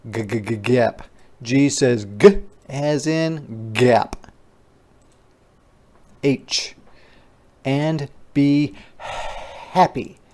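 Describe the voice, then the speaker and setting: A teacher reads aloud in an interactive phonics lesson for young children, deliberately repeating sounds and words and adding simple, child-directed explanations. The voice is medium in pitch with a darkish tone.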